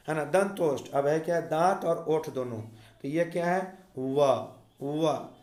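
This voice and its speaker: A man's voice: on the high side, a little mellow. A male teacher explaining a grammar lesson to children, repeating sounds aloud and checking in with the class. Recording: echoey room.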